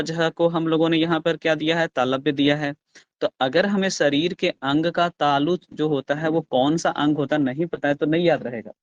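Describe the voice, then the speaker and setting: Hindi grammar teacher sounding out letters. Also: male voice, on the high side, dry recording, highs cut off. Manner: explains step by step, asks the class questions and answers them himself; sounds out letters slowly and loudly. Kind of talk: online class lecture.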